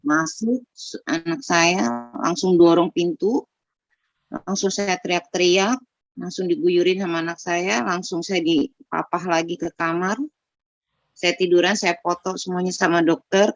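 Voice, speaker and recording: A woman's voice: on the low side, fairly even intonation, normal speed, no room sound. A middle-aged woman recounts her experience over a video call, earnest and open, stopping and restarting as she searches for words. Her voice is dry and close, but the call audio is slightly dull and lo-fi. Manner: candid, earnest storytelling with many restarts. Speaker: participant sharing a personal story. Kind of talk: casual conversation on a video call. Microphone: video call microphone.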